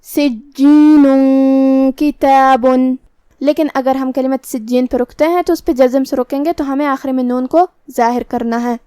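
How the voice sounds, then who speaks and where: A woman's voice: high-pitched, warm tone, no echo, clean studio sound. A woman teaching the rules of Quran recitation, explaining each rule step by step in a methodical way. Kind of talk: tajweed lesson explaining rules.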